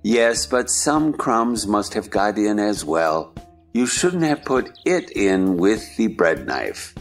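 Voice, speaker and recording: A man playing an eccentric, argumentative Hatter in a stage play dramatization, with a slow theatrical drawl. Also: fairly low pitch, sing-song, soft background music, exaggerated voice. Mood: cranky, odd. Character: eccentric, gloomy, argumentative Mad Hatter at tea.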